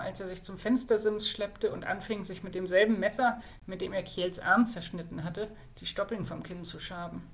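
A woman reads a fantasy novel aloud at a middle pitch, steady and plain. Now and then she breaks off for a short aside to her listeners.

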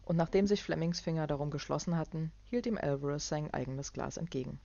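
A woman, the author, reading from her novel in an even, measured storytelling manner. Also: low voice, creaky, dry recording. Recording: dull lo-fi dry recording.

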